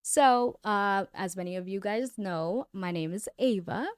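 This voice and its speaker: A young woman from Honduras hosting her faith podcast, chatting directly and warmly with her listeners. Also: medium pitch, unhurried, clear, resonant tone, dry recording, studio quality. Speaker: podcast host. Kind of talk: casual faith podcast monologue.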